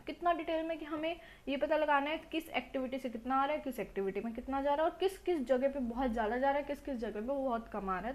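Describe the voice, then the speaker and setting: High-voiced woman teaching fast. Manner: fast-talking, full of rhetorical questions. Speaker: accounts teacher. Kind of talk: quick revision lecture mixing Hindi and English. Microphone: mobile phone.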